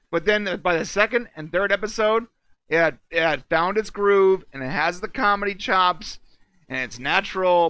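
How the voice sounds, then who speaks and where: A man co-hosting a TV recap show, chatting in an animated, rambling way with quick asides. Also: high voice, dry recording. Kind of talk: casual review chat.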